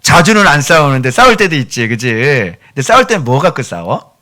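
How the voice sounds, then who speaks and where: In a church sanctuary, a male pastor preaches a sermon, talking with the children by name and now and then dropping to a near-whisper. His medium-pitched voice is very animated and sharp-toned, at a moderate pace.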